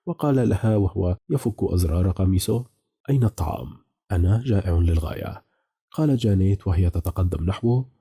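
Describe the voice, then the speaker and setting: A man's voice: low voice, dark tone, breathy edge. A man narrating a horror novel as an audiobook, reading all the characters' dialogue in a near-plain voice.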